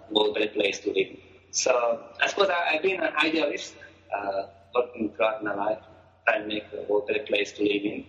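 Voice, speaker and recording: A middle-aged man speaks in a fairly low voice, pausing often with fillers. He is heard over a dull, muffled call line. The sound is roomy and echoey. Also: fairly bright tone. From Croatia. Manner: hesitant, many fillers and restarts. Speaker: guest. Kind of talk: interview answers. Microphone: phone or call line.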